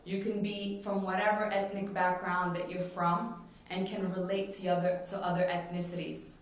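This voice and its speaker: A woman's voice: on the low side, little pitch movement, normal speed. A woman from Morocco giving an earnest personal talk at a forum, telling her story with frequent "you know" fillers. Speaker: forum speaker. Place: conference plenary hall. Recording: very echoey hall.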